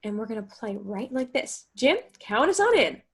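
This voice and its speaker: Her pitch runs fairly high and swings widely, with a husky texture and an ordinary pace. She's a guitar instructor and host, explaining the lesson step by step and often tossing out questions as she goes.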